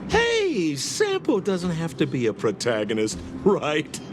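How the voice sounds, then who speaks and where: Sampo, a sly, wildly swooping rogue. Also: male voice, on the high side, wildly swooping pitch, background noise, exaggerated voice. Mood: playful, smug. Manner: theatrical, teasing, drawn-out delivery. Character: sly, playful young male rogue, self-styled shadowy comic relief. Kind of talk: video game character acting. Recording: music behind the voice. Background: music.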